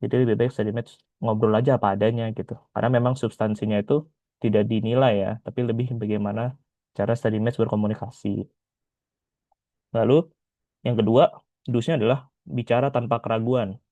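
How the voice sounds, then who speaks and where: A man teaching as an exam tutor in a relaxed, chatty lesson style, often ending phrases with a casual filler. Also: medium pitch, fairly quick, pauses often, dry recording. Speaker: IELTS tutor. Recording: dull lo-fi sound.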